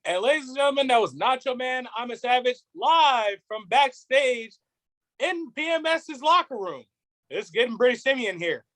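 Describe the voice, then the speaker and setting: A man's voice: very high-pitched, expressive, normal speed, a bit bright, voice pushed up. A man playing a cheesy male backstage wrestling announcer doing a mock broadcast sign-off. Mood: hammy.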